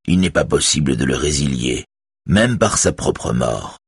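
A man's voice: a bass voice, lively intonation, a little slow, creaky, husky, dry recording, clean studio sound, heavily acted. A man voicing a sinister male collector who keeps his menace tightly controlled behind a smile, read in an audiobook. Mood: cold. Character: sinister smiling male collector, cold host.

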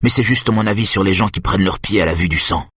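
A hostile young police officer, played by a male narrator in an audiobook thriller. He is cold and curt, and the voice drops deep with a husky edge. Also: fast talker, fairly bright tone, no echo, studio quality.

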